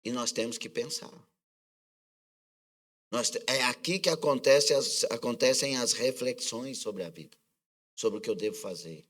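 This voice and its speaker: A man's voice: mid-range voice, unhurried, pauses often, a bit bright. A man with a Brazilian accent preaching a sermon as pastor, often asking the congregation questions and calling for their responses. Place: church service.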